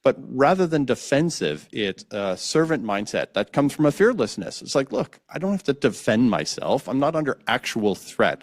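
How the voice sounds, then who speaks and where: A man's voice: medium pitch, dry recording, clean studio sound. A man explaining de-escalation as a podcast guest, earnestly acting out example dialogues. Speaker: guest, de-escalation trainer for law enforcement. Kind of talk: conversational podcast interview.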